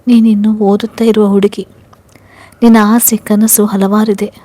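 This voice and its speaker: Story read-aloud: woman voicing a patient, tender husband; mellow, husky, even. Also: medium pitch, unhurried, close to an everyday voice. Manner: soft, earnest, reassuring. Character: gentle patient young husband.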